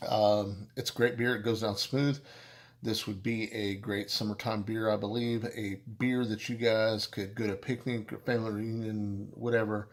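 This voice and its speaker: A man casually reviewing a beer on his video channel, rambling and halting with many restarts and fillers, and making self-deprecating jokes. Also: lowish voice, level tone.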